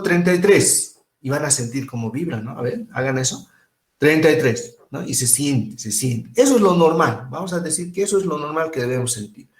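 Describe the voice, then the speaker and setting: A man giving an informal medical lecture, lively and rhetorical, often asking "right?" and mimicking voices. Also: medium pitch, roomy sound.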